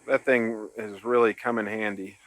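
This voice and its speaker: A man co-hosting a relaxed chat, easygoing and repeating words as he goes. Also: fairly low pitch, normal speed. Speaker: co-host of an RV living channel. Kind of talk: casual chat.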